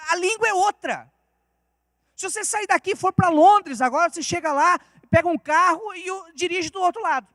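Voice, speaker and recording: A man's voice: very high voice, normal speed, bright, forceful tone, dry recording, clean studio sound. A man with a Brazilian Portuguese accent preaching a fervent sermon in church, with many rhetorical questions.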